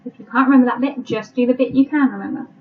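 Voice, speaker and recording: English woman, french teacher, remote lesson voice-over, slightly high, husky, dull lo-fi recording. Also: a little hiss or hum. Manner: slow, deliberate dictation with clear repetition.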